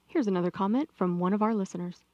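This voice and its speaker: A woman announcing a pirate radio station ID in a flat promo read, with a muffled lo-fi radio sound. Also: mid-range voice, quick pace, very noisy.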